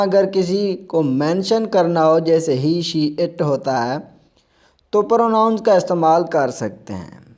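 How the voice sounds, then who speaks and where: A man's voice: fairly high pitch, darkish tone. A man with an Urdu accent teaching a spoken language lesson, spelling out letters and repeating example sentences.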